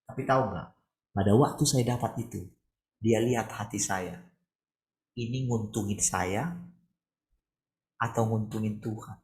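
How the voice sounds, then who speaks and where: A man, a pastor giving a conversational morning sermon over a video call, asking rhetorical questions and moving between soft and raised tones. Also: on the low side, a little slow, pauses often.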